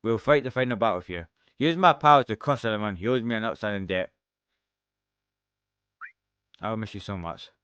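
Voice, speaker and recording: A man with a Scottish accent playing through a game, reading every character's lines aloud and shifting his pitch between the parts, close to the mic. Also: a little fast, long pauses, a bit bright, clear, resonant tone, dry recording, muffled recording. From Scotland. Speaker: let's-play streamer.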